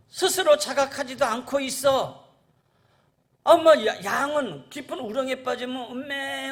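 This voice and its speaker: A male pastor preaching a sermon to his congregation, earnest and repetitive, often calling out to the listeners and reading scripture aloud. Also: extremely high pitch. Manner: earnest preaching, repeats "라는 거예요" endings; addresses the congregation as "여러분".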